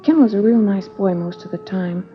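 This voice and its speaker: In a 1950s-style radio drama, an actress with a mid-range voice plays a worried, earnest teenage schoolgirl, answering police questions in a hesitant, chatty way at normal speed. Her performance is lightly acted over soft background music, and the old broadcast sounds dull and hissy.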